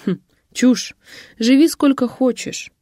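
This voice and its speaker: A woman's voice: high-pitched, takes it slowly, warm tone, no echo, studio quality, voice pushed up. A woman reading the lines of a curt, commanding man of means in an audiobook, with terse, clipped replies.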